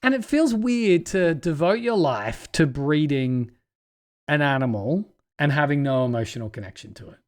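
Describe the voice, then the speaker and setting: Man, podcast host, fairly high voice, animated plot retelling, casual chat. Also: moderate pace. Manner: animated, retelling a film plot with acted-out quotes.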